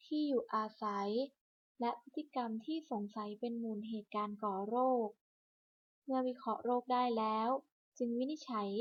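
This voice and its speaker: A woman reading a scripted hospital clinic announcement over a public address system, in a measured, list-by-list delivery. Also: fairly high pitch. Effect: broadcast over a hospital public address system. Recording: muffled lo-fi loudspeaker broadcast.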